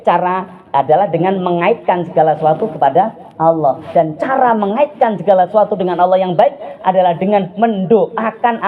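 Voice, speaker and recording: Man preaching, tinny phone-like sound. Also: sits high. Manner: animated, switches between soft prayerful murmur and loud exclamations; asks and answers his own questions. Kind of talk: religious talk to a congregation.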